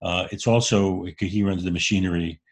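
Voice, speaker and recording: A man's voice: sits low, steady tone, normal speed. A man co-hosting a podcast in casual conversation, speaking candidly and earnestly as he explains his ideas. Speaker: podcast co-host.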